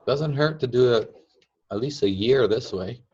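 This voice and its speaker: A man casually explaining a story in slow, emphatic phrases that trail off softly. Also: mid-range voice, lo-fi sound, a little hiss or hum.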